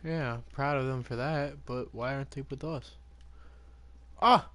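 A man's voice: mid-range voice, steady tone, moderate pace, dry recording. A young man chatting casually while playing a game with a friend, joking, swearing and chanting silly lines. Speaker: gamer. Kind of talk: casual gaming chat.

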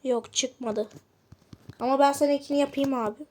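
A woman's voice: sits high, fairly even intonation, normal speed, darkish tone, a little hiss or hum. A woman giving casual commentary while playing a game, chatting and muttering to herself with frustrated outbursts. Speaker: gamer.

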